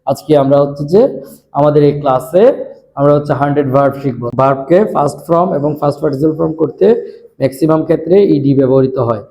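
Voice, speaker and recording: Mellow-voiced Bangladeshi man teaching English. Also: fairly high pitch, gravelly. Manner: mixes English words into explanations, repeats each word with its meaning; corrects pronunciation by saying words again slowly. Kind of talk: online spoken English lesson.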